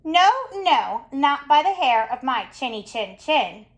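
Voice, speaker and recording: A woman's voice: sits high, big pitch swings, slow, exaggerated voice. A woman voicing a small, clever young male pig in a read-aloud storybook, polite and earnest. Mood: plucky.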